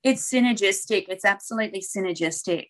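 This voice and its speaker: A woman's voice: medium pitch, a little fast. A woman brand strategist in casual conversation, earnestly explaining her ideas and firing off rhetorical questions, with plenty of "you know". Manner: earnest, asks rhetorical questions, many fillers. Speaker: brand strategist and mentor, podcast guest.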